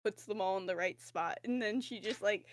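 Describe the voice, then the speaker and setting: A woman's voice: medium pitch, a little fast, slight background noise. A woman chatting casually as a tabletop game player, giggly and peppering her talk with "like" as she describes her character.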